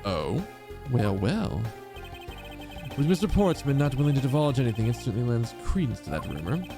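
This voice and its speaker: Guy doing a calm formal game prosecutor, courteous and shrewd, measured delivery, light music behind. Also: medium pitch. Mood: musing.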